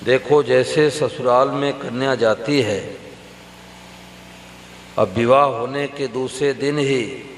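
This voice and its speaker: Slow-speaking male preacher in echoing hall. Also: medium pitch. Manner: slow, storytelling, addresses the audience directly. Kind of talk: devotional sermon. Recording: roomy hall reverb with faint hum.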